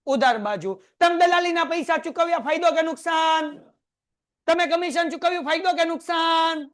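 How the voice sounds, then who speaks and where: A man with a Kathiawadi Gujarati accent teaching an accounting class in a classroom, firing quick questions at his students. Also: extremely high pitch, a bit bright. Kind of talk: lively classroom lecture. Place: classroom with a board.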